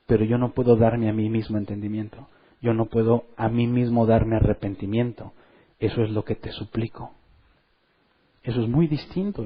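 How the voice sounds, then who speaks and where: Man preaching, husky, lo-fi recording. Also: mid-range voice. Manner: lively, acts out the voices of the people he quotes. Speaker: pastor. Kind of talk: sermon. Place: church.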